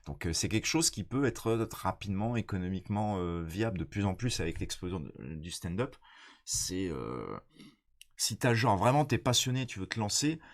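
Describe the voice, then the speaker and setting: Low-pitched man with a congested nose. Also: lively intonation. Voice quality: congested, nasal. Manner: hesitant, halting, slangy. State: blocked nose from a cold. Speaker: stand-up comedian. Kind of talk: casual explanatory chat.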